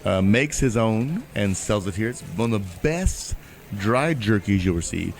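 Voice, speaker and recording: A man's voice: fairly low pitch, lively intonation, unhurried. A man talking casually and jokingly as a guest on a podcast recorded at a festival, rambling a little. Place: outdoor festival.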